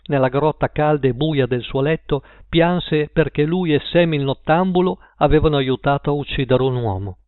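A man narrating a story aloud in a measured storytelling manner. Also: on the high side, dry recording. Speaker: audiobook narrator. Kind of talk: scripted narration. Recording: tinny phone-like line, dry.

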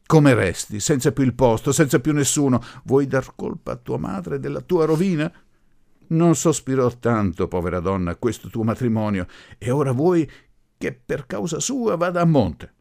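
A man voicing a forceful middle-aged professor who speaks loudly and imperiously. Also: mid-range voice, very animated, moderate pace, gravelly, voice pushed up. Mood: insistent. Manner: imperious, insistent, loud.

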